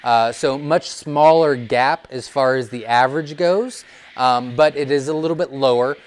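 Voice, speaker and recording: Young man explaining, relaxed and casual. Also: mid-range voice, normal speed. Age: young adult. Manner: relaxed, explanatory, many fillers. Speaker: quail breeder. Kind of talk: informal teaching video. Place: indoors, seated before a wooden wall. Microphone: clip-on lapel mic.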